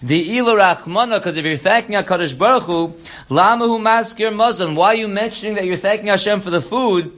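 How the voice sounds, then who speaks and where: High-voiced man teaching a halacha lesson. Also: fairly quick, fairly bright tone. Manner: reads Hebrew text then explains in English. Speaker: Torah teacher.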